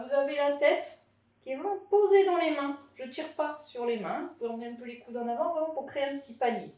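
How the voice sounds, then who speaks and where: Pilates teacher, woman, higher voice, chatty and encouraging, echoey room, heard from a distance. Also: darkish tone. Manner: chatty and encouraging, tags lines with "hein". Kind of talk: guided exercise class. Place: at home. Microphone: camera in front of her.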